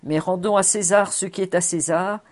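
A woman's voice: fairly low pitch, fairly even intonation, normal speed, lightly acted. A woman voicing a jovial man who teases his old friend in a half-serious, half-mocking way. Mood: teasing. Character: male landowner, jovial, teasing, fond of food.

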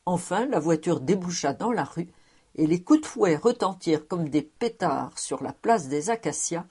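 A woman reading a classic novel aloud as narrator, measured and expressive. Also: fairly low pitch, slightly rough. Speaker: audiobook reader.

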